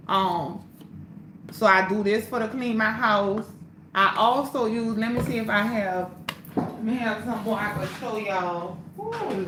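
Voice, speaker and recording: A woman's voice: mid-range voice, echoey room, background noise. A woman hosting a casual livestream, talking bluntly and profanely to her viewers. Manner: blunt, profane, fired-up pep talk. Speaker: livestream host.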